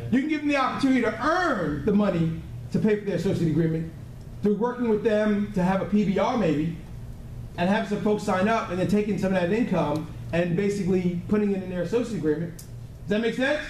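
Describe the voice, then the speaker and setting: Guy with a really high voice doing a motivational sales seminar, blunt, repeats himself for punch, roomy echo. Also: animated, quick pace, a little mellow. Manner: emphatic repetition for effect; frequently checks in with listeners. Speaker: sales trainer. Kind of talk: motivational training seminar speech. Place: indoor training room with a live group. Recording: echoey room, distant mic, faint noise.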